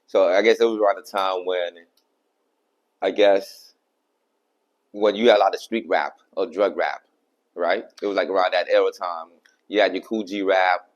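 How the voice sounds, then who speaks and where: Deep-voiced New podcast host. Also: male voice, steady tone, normal speed, long pauses, dull audio. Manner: conversational, brief "mm-hmm" listening cues. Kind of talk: casual interview chat.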